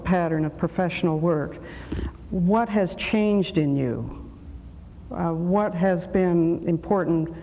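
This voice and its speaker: A moderator poses long, carefully built questions to a panel, often pausing and restarting. The tone is mellow and mid-pitched. A long hall reverb trails the voice. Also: creaky, a little hiss or hum. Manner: slow, deliberate questions with many restarts.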